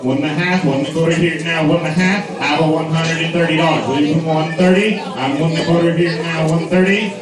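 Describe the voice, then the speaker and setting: Guy doing auctioneer bid chant, kinda high voice, big echoey hall w crowd around. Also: fairly even intonation, fast, hardly any pauses, far from the mic. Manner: auctioneer's repetitive number patter. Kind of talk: live auction chant, repetitive bid calling. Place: large echoey venue with a crowd.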